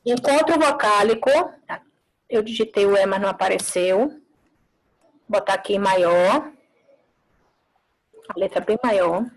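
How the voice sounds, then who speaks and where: A woman teacher giving a live online class, explaining slowly, repeating words and checking with short tag questions. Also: medium pitch, poor audio.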